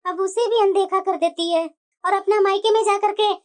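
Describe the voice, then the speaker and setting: A woman's voice: extremely high pitch, steady tone, moderate pace, voice pushed down. A woman voicing an elderly mother in a cartoon, complaining in a plaintive, whiny way. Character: elderly mother, complaining about her daughter-in-law. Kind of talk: cartoon voice acting.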